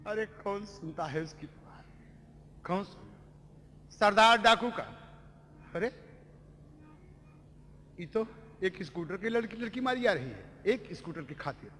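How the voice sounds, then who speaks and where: A man's voice: sits high, lively intonation, slow pace, pauses often, sharp tone. A man with a Bhojpuri accent performing dramatic Birha folk storytelling, addressing listeners in a declamatory way. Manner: declamatory, addresses audience as babuji. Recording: echoey stage recording with music. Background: music.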